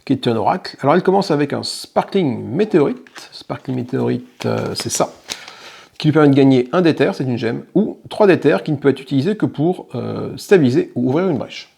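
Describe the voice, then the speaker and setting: A man's voice: medium pitch, expressive, brisk, vocal fry, mellow, breathy edge. A man hosting a tabletop game channel, casually explaining a solo playthrough and thinking aloud with small self-corrections. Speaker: board game channel host.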